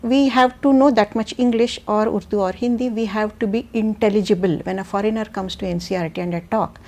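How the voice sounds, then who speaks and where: A woman's voice: mid-range voice, fairly even intonation, a little fast, darkish tone. A woman with a South Indian accent giving a methodical, point-by-point explanation as an education expert on a panel. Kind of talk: explanatory panel talk answering questions.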